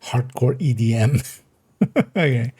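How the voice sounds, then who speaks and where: A man streams a video game and gives casual commentary in a warm, slow, medium-pitched voice with a breathy edge. He rambles and giggles as he plays, often restarting his sentences.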